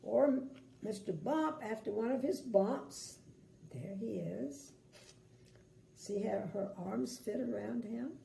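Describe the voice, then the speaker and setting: A sweet, gentle older woman reads a storybook aloud to small children, unhurried, with little asides, in an echoey room. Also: fairly high pitch, creaky. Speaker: grandmother reading bedtime stories. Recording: echoey room, faint background noise.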